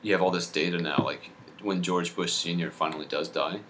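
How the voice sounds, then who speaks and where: Man, low voice, bright forceful tone, dry ironic wit, casual podcast chat, faint background noise. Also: fairly even intonation. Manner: dry, quick-witted, ironic. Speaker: podcast co-host.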